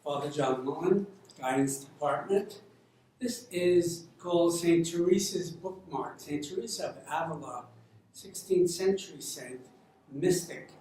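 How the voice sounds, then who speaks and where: Solemn priest reciting slowly. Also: male voice, a little high, darkish tone, slight background noise. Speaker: priest in the guidance department. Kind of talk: reading a prayer. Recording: very echoey room, voice from a distance.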